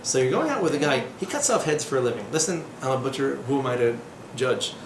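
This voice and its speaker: This is a fast-talking man in his thirties with an expressive, medium-pitched voice, teaching informally in a small room. He drifts into asides, jokes and sardonic humor, using fillers along the way, and the recording is echoey with noise in the background.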